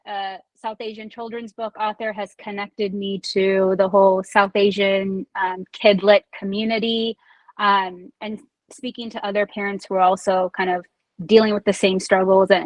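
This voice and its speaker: A woman from Fiji answering as a guest author on a video call, the sound close and dry. She speaks at an even middle pitch, pausing often on ums as she gathers her thoughts. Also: dry recording, rough recording. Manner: warm, hesitant, many ums. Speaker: children's book author, panel guest. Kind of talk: panel discussion answer.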